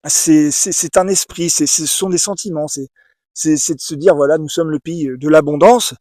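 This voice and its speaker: A man's voice: fairly high pitch, darkish tone, no room sound, clean studio sound. A man giving a casual opinion monologue to the camera, emphatic and repetitive, with many restarts and asides to the viewer. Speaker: video essayist.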